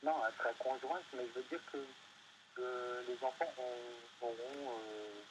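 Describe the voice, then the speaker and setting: A man's voice: medium pitch, steady tone, measured pace, background noise. A man being interviewed, talking hesitantly with many fillers and restarts. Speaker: interview guest. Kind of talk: casual panel interview. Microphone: studio microphone.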